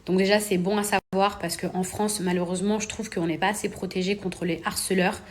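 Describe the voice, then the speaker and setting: A woman's voice: medium pitch, fairly even intonation, a little fast. Indignant young woman venting to her followers. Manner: indignant, emphatic, repeating words for stress; rising to heated outbursts. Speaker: influencer addressing her followers. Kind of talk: casual monologue to camera.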